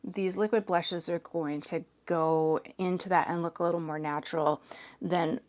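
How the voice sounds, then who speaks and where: A hoarse woman in her forties chatting casually as she does her makeup, hedging with "like" and "sort of". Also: on the low side, steady tone, moderate pace, a little mellow. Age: 40s. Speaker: makeup reviewer. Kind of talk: casual chat while doing makeup.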